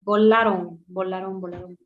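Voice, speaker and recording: A woman teaching a class, repeating words aloud slowly as she points them out. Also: medium pitch, fairly even intonation. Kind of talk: classroom lesson. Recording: dull lo-fi sound.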